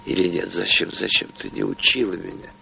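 A gravelly, embittered old playwright. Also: male voice, deep voice, steady tone, fairly quick, a little hiss or hum, heavily acted, poor audio. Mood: grieving, whispering. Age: older. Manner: lurches from broken whispers to furious shouting. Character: aging, gray-haired, embittered male playwright. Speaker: lead actor in a stage play. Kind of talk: theatrical stage acting.

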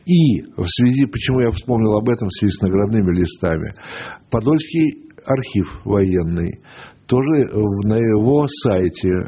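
A male radio host with a husky, slightly rough voice, talking through an interview at an easy, searching pace and now and then cutting in on his guest. The sound is dull and lo-fi, like an old radio broadcast from a studio. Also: on the low side, expressive, normal speed. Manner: leisurely, searching for words, interjects. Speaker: radio talk show host.

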